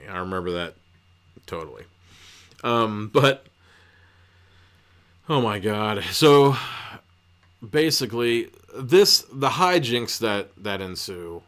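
A man with a somewhat low voice hosts a casual book podcast and recaps a novel from an indoor set. He rambles loosely, swears often and scatters fillers throughout. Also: fairly bright tone, smooth. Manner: rambling, profane, lots of fillers. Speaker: podcast host reviewing books.

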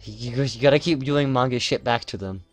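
A man's voice: medium pitch, normal speed, dry recording, faint music behind. Chatty gamer man with joking asides. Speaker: gamer playing a visual novel. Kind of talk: casual gameplay commentary.

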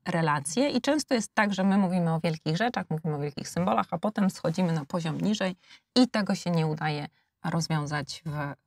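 A woman's voice: fairly low pitch, a little fast, creaky. A woman in her forties with a Polish accent, a debate guest who speaks hesitantly with many fillers and restarts, on a lapel mic in a studio. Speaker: debate guest, international relations expert. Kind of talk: panel debate. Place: studio with blue backdrop.

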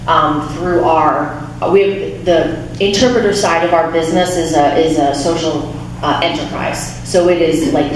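A low-pitched woman in her thirties, a guest speaker from a refugee resettlement nonprofit, gives a chatty, informal talk at a lectern in a small church chapel, restarting often and using many fillers while taking audience questions. She holds a handheld mic, but a distant camera records her, capturing the echoey room and its background noise.

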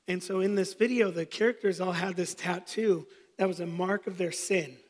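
A man's voice: high-pitched, fairly even intonation, moderate pace, big-room sound. A man in his thirties, a pastor preaching, telling a personal story with self-deprecating humor. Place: church sanctuary.

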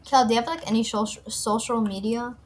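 A young woman chatting casually with a friend while playing an online game, excitable and fond of saying "bro". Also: fairly high pitch, brisk. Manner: excitable, says "bro" a lot. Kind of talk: casual gameplay chat with a friend. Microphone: gaming headset mic.

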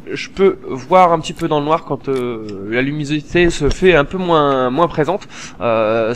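A man hosting a gameplay video, chatty and excitable, peppering his casual commentary with slang, swearing and fillers. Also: on the high side, slight background noise. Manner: many fillers while explaining.

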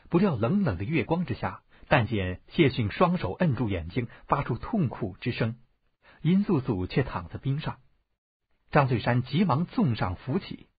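Man narrating an audiobook, husky voice, lively swinging pitch, dry dull lo-fi sound. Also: no echo. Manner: expressive storytelling, varied tone. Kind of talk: scripted martial-arts novel narration.

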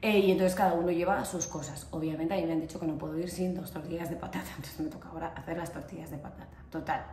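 A woman's voice: deep voice, quick pace, few pauses. Chatty Spanish woman vlogging in an echoey room. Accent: Spain. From Spain. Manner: chatty and animated, full of fillers and asides. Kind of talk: casual storytelling to camera. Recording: echoey room with faint ambient noise.

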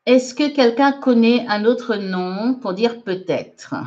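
Taking it slowly, a woman from France hosts a live online English lesson, reading viewers' comments and correcting them chattily with frequent laughter while switching between French and English. Her voice is a little high and a little mellow, and the livestream sound is dull and lo-fi.

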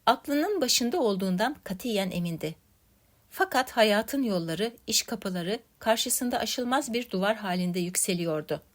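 A woman's voice: medium pitch, animated. Woman reading a classic story aloud. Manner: measured, dramatic reading. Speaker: story reader. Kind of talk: literary story narration.

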